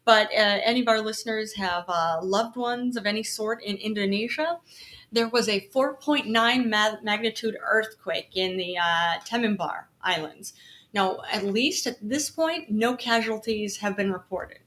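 Casual woman co-host, chatty and hesitant, average pitch. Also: measured pace, fairly bright tone. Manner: chatty, laughs often, hesitant with fillers. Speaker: podcast co-host. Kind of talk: casual news chat.

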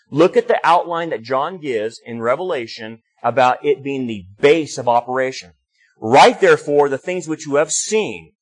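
A man's voice: a little high, rough recording. A man preaching a sermon as a pastor, explaining scripture in a teaching manner with frequent restarts.

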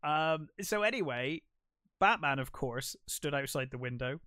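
A man with a slightly raised voice talks through a cartoon film with a co-host. He tells it in a chatty, animated way and slips into little impressions of the characters. The sound is dry and close, with no room around it. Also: on the high side, measured pace, smooth, no echo. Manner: animated, swears casually, acts out quotes. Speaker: podcast co-host. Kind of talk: casual film review chat.

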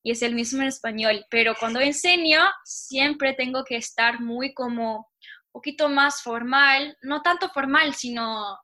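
Young Chilean woman, quick chatty interviewee, higher pitch and a sharp, bright tone. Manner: talks fast, like a little bird. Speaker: interviewee, Spanish teacher. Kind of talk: casual conversation.

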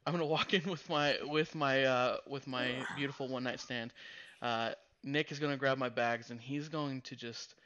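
A man's voice: mid-range voice, fairly bright tone, clear, resonant tone. A man chatting and joking with friends, telling an improvised story with lots of hesitations and restarts. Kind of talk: casual chat, improvised storytelling. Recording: dull lo-fi sound.

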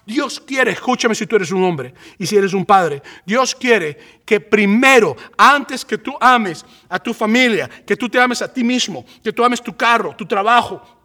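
A male preacher delivers a passionate sermon. His voice sits high for a man and rings bright and forceful. He swells to emphatic peaks. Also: animated, unhurried. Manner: impassioned, rising to emphatic peaks.

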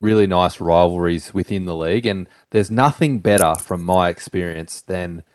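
A man with a very low voice chats on a podcast in a relaxed, approving way. The sound is dry and close. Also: moderate pace, no room sound. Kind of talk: casual podcast chat.

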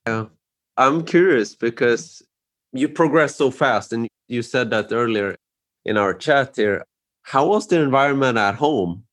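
A Swedish man hosts a podcast in a casual interview chat, asking curious, rambling questions sprinkled with "like" and "you know." His mid-range voice is expressive and a little slow.

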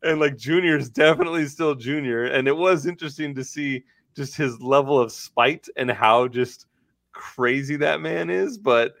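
A man's voice: mid-range voice, gravelly, fairly bright tone, no room sound. A man co-hosting a podcast in casual chat, blunt and swearing freely. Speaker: podcast co-host.

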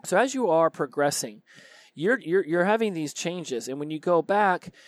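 A man's voice: a little high, animated, normal speed, no room sound. A man hosting a solo podcast, talking casually to college students with plenty of ums and restarts. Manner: casual and conversational, frequent fillers and restarts. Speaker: podcast host.

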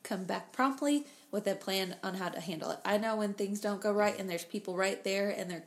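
A woman's voice: medium pitch, fairly quick. A woman co-hosting a podcast, chatty and playful, laughing easily in casual talk. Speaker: podcast co-host. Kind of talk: casual chat.

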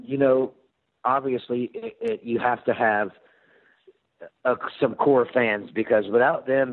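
A man's voice: medium pitch, no echo. American man on a tinny phone line. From United States. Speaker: interview guest, rock drummer. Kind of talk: casual chat.

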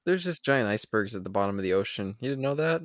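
A man chats through a film in casual commentary. His pitch swings around a lot as he jokes, crude and irreverent with plenty of swearing. The sound is close and dry. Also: lively intonation, fast, dry recording.

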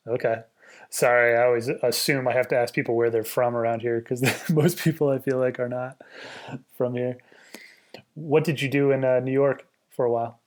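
A man co-hosting a podcast, asking guests questions in a relaxed, thoughtful way, often trailing off quietly. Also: mid-range voice, moderate pace. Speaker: podcast co-host. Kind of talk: conversational interview.

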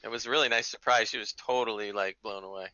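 A man's voice: on the low side, fairly even intonation, quick pace, bright, forceful tone, no room sound. A man chatting casually as a co-host on a livestream. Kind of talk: casual chat. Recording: slightly dull, lo-fi remote audio.

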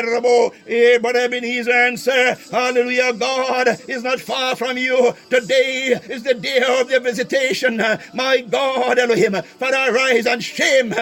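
A man leading a fervent prayer, piling up invocations, breaking into tongues and shouting at times. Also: extremely high pitch. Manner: rapid repeated invocations, speaking in tongues, bursts of shouting. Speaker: prayer leader.

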